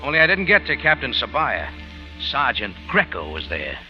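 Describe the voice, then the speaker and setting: A man with a mid-range voice and huge pitch swings plays a tough, wry American private eye, narrating his case at normal speed in clipped 1940s radio noir style. His hard-boiled delivery is brooding and tense, on a dull old radio recording with loud music.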